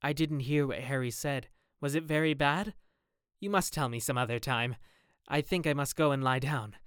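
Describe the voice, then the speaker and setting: A haunted young gentleman, melancholy and on edge, his voice raised with strain. A man performs him in a smooth, dry reading. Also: mid-range voice, moderate pace, dry recording, natural voice. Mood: weary, nervous. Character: troubled, brooding young gentleman.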